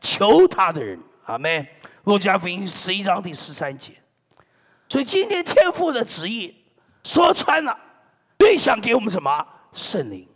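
A middle-aged man from China, a pastor preaching a sermon in an animated, joking way, dropping in amen and hallelujah often. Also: high-pitched, normal speed, husky, in a large hall.

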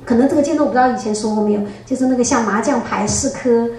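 Woman, fairly high voice, lively church testimony with frequent laughs, heard from a distance in a very echoey room. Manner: lively storytelling, often laughing, frequent drawn-out particles. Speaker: church member giving testimony.

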